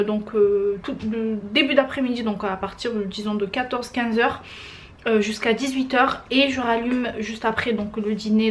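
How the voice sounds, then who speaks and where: A young woman talks to camera from her living room in a relaxed, chatty vlog. Her voice sits a little high, and she keeps stopping on hesitant fillers as she speaks straight to her viewers. A faint hum of room ambience stays behind her. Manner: chatty, many "euh" fillers, addresses viewers as girls. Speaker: lifestyle vlogger.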